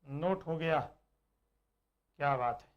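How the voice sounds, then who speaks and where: Explaining at a slow pace, this male online exam-prep teacher repeats key points and asks questions only to answer them. His pitch is fairly high, and the audio is dull.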